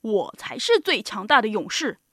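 A woman voicing a gruff, quarrelsome male bear in a storybook reading. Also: fairly high pitch, big pitch swings, moderate pace, a bit bright, dry recording, clean studio sound, voice pushed down.

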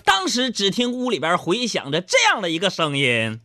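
A man's voice: high-pitched, huge pitch swings, normal speed, loud music behind the voice. A male comedy show host delivering a playful, mimicking stand-up monologue.

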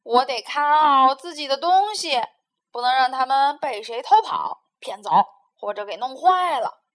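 A woman's voice: high-pitched, animated, measured pace, fairly bright tone. A woman voicing a greedy, scheming little male crow in a wheedling, whiny way. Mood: anxious.

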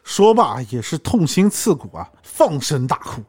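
Male podcast co-host, jokey dramatic storyteller, slightly high, husky. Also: big pitch swings, moderate pace, a little mellow, dry recording.

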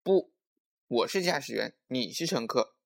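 A man's voice: medium pitch, animated, unhurried, vocal fry. A man voicing a pouty, competitive little boy who talks in a huffy, insistent way.

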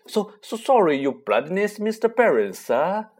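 A man's voice: mid-range voice, wildly swooping pitch, slow, gravelly, exaggerated voice. A man voicing a sly, mischievous poltergeist who drawls in a greasy, wheedling way.

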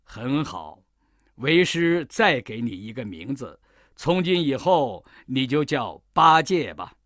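A calm male monk master speaks kindly to his disciple in a storybook tale, as a storyteller puts him on. His voice sits low and gentle. The sound is dry and close. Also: slow, no echo.

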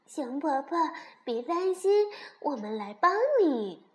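A woman voicing a sensible young rabbit in a storybook who is quick to get annoyed. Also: high voice, animated, a little mellow. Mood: calm.

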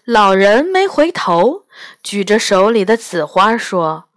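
Lively woman reading a storybook. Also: mid-range voice, slow pace, no room sound, clean studio sound. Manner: expressive, lively delivery.

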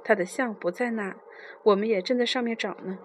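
A woman voicing a strange, sly little boy who speaks in a hushed, close whisper in a literary audiobook reading. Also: mid-range voice, steady tone, fairly quick, slight background noise, close to an everyday voice.

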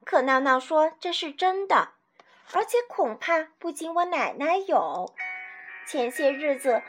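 A woman narrating a children's story in a lively, expressive reading. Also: high voice, a little slow, music in the background.

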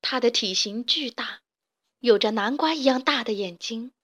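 Expressive woman storyteller. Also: fairly high pitch, moderate pace. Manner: expressive, dramatic reading with hushed passages. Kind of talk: children's audiobook narration.

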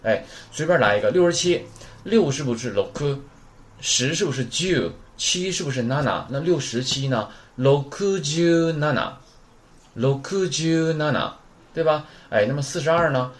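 Casual male language teacher, lively and talkative, drills numbers and keeps asking "right?". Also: mid-range voice, moderate pace. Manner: chatty, repeats numbers aloud, asks rhetorical questions. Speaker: Japanese teacher. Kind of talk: casual spoken lesson.

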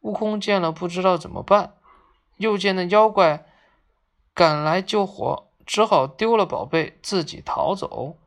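A storyteller reads a classic tale for children with lively, expressive narration. The voice is gravelly, with plenty of fry. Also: medium pitch, a little slow.

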